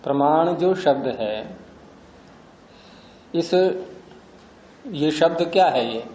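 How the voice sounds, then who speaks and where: A man's voice: a little high, expressive, extremely slow, dark tone. A man teaching a class, patiently explaining terms, repeating them and asking and answering his own questions. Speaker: teacher of Sanskrit philosophy. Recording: echoey room.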